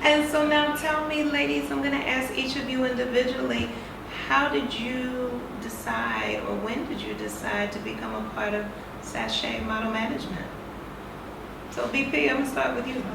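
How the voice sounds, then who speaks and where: A woman's voice: a little high, steady tone, normal speed, creaky. A woman hosting a casual interview with a playful, laughing manner. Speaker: talk show host. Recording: echoey room with background noise.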